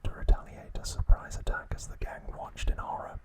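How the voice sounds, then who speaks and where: The host of an ASMR trivia channel speaks wholly in a breathy whisper, ASMR-narration style. He keeps it hushed and measured, recapping like a storyteller in short phrases.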